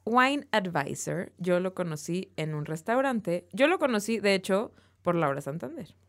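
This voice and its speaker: A woman's voice: lowish voice, big pitch swings, moderate pace, a bit bright. A young woman with a Mexican accent co-hosting a podcast, playful and teasing, laughing often. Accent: Mexican Spanish. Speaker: podcast co-host. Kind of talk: casual podcast chat.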